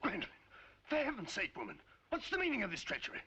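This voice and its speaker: An actor in a 1950s film playing a pompous, indignant gentleman husband with a blustering manner. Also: high voice, wildly swooping pitch, fast, breathy edge, exaggerated voice. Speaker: film character. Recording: dull old film soundtrack with noise.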